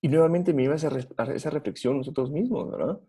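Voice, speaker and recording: A man's voice: a little high, rapid-fire, warm tone, slightly rough. A man with a Guatemalan Spanish accent preaching a Bible study sermon, earnest and putting rhetorical questions to his listeners.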